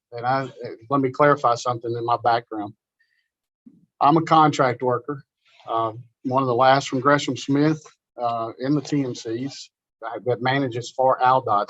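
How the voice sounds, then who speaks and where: A middle-aged man giving an informal, animated conference talk, folksy and storytelling. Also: mid-range voice, no echo, highs cut off. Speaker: conference presenter. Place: meeting room.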